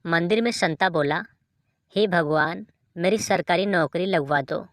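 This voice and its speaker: A woman reads short jokes aloud, one after another, in an even storytelling delivery. Her voice sits low for a woman and she takes her time. The recording is dry and close, with no room sound. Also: measured pace, no room sound. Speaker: joke reader.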